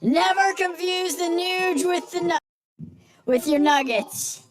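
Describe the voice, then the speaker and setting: A man talking and screaming through a pitch-shifting voice changer that morphs his voice, goofy and crazy. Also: takes it slowly. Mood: hyped. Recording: loud music playing behind.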